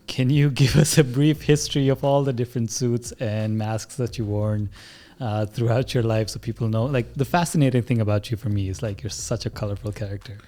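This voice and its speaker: A man's voice: mid-range voice, steady tone, brisk, warm tone. A man hosting a podcast, asking curious and encouraging questions in a casual interview. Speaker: podcast host.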